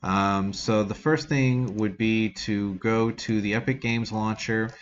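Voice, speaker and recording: In a casual screen-recorded walkthrough, a game development instructor explains the software slowly in a low, steady voice. The dull lo-fi mic leaves the audio muffled, with noise in the background.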